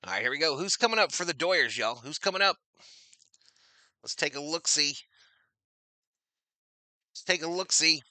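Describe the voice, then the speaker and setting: Bright-voiced man calling a baseball stream. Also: on the high side, animated, moderate pace, long pauses, dry recording. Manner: chatty, reads out viewer names, loud on big plays. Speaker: streamer doing play-by-play. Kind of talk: casual live-stream baseball commentary.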